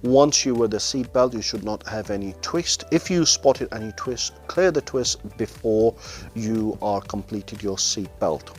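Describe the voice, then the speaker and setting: A man's voice: lowish voice, a little slow, faint music behind. Male driving instructor explaining step by step. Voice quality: non-native English phrasing.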